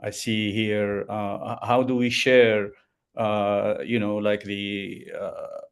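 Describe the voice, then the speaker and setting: Middle-aged male moderator, lowish flat voice, halting delivery, headset mic. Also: smooth. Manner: hesitant, halting, many fillers. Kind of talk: video call Q&A.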